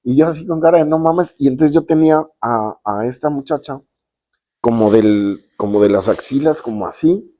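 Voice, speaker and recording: A man's voice: medium pitch, moderate pace. A Mexican man in his fifties telling a personal story casually, acting out the voices of people he quotes in slangy, salty speech. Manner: lively, acts out quoted voices, slangy and profane.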